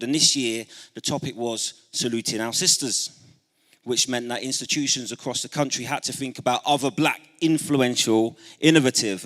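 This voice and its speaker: A man's voice: mid-range voice, a bit bright. A man who works as a youth mentor and spoken word artist, giving a speech at a celebration event with a rhythmic, spoken-word delivery and calls for the audience to join in. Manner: rousing, calls on the audience to respond. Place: church hall event.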